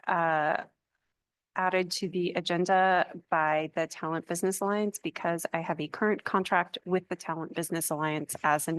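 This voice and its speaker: Lowish-voiced female councilor, dry sound. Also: no echo. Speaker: city councilor. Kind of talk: formal meeting remarks.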